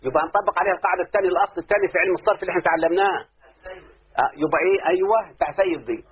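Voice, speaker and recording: Over a tinny, phone-like lo-fi recording, an Egyptian-accented male teacher runs a lesson on word forms and keeps firing repeated questions at his class. He talks very fast in a high-sitting, slightly rough voice.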